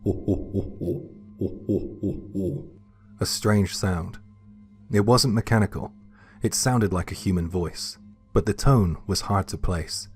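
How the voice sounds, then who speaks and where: A man telling a first-person horror story in a slow, hushed, scripted narration. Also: low-pitched.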